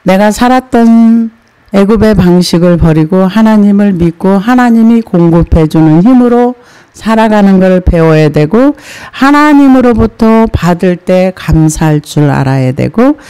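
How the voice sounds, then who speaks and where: A woman's voice: medium pitch, animated, measured pace, dark tone, clean tone. A woman pastor preaching a sermon in a conversational way, asking rhetorical questions and acting out quotes.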